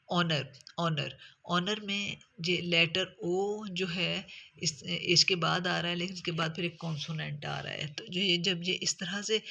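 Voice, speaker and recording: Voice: medium pitch, gravelly, bright, forceful tone. A teacher giving a spoken lesson on English letter sounds in with speech, hesitant and full of fillers as words are spelled out letter by letter.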